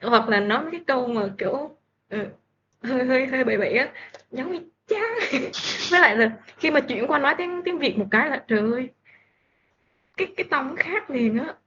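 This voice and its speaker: A woman's voice: high-pitched, expressive, brisk, pushed and bright. Woman, polite and teasing. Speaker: guest. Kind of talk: casual chat. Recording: dull lo-fi sound with faint noise.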